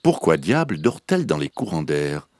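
A man voicing a hunter in a children's storybook, speaking low, hushed and measured. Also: sing-song, no echo. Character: grown man hunter, quiet and determined.

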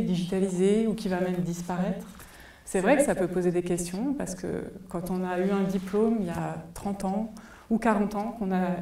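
A woman's voice: medium pitch, mellow. A woman in her forties giving a conference talk, thoughtful and full of hesitation fillers, on a headset mic in a large cinema hall. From France. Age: 40s. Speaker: conference speaker. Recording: echoey hall, voice from far off.

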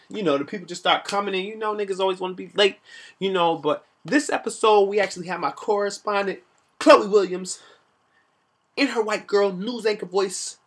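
A young man hosting a vlog, reviewing a college party in animated, slangy storytelling with shout-outs. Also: high-pitched.

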